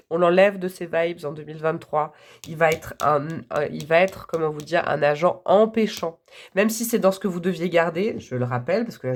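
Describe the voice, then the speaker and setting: A hoarse woman giving a casual, enthusiastic tarot reading to her viewers, chatty and quick to laugh. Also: on the low side. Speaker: tarot reader.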